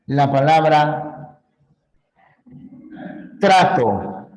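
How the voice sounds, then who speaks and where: Very slow-speaking male teacher. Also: a little high, expressive, darkish tone, rough recording. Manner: patient, repeats key points, self-correcting. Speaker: language teacher. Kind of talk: slow classroom lecture.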